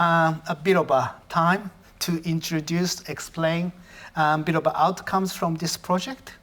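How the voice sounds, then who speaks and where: A professor whose native language is Japanese delivers an academic lecture, frequently halting and rephrasing himself. His voice is a little high and slightly bright.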